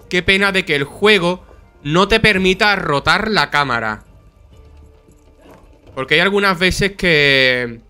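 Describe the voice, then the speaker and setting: A man's voice: high voice, bright, forceful tone, smooth. A man with a Spain Spanish accent giving casual gameplay commentary, swearing often and chatting to viewers, his throat sore from coughing. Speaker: gameplay streamer.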